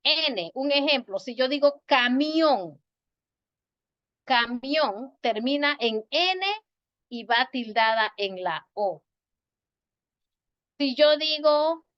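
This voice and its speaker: A woman teacher giving an online grammar lesson, speaking slowly and patiently and repeating words to stress their syllables. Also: fairly high pitch, clean tone. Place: home or office on a video call. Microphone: video call. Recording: dull, lo-fi video call audio.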